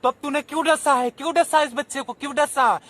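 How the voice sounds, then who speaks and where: A man's voice: very high-pitched, fairly even intonation, normal speed. A man doing a stern snake charmer. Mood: interrogating. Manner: loud, interrogating, forceful. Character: confident middle-aged male snake charmer, stern and demanding.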